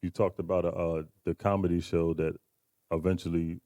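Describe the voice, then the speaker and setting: A man hosting a podcast, putting questions to his guest. His voice sits very low and sounds mellow and dark. He asks in a measured way, with a few pauses and restarts. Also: level tone. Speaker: podcast host. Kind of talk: interview questions.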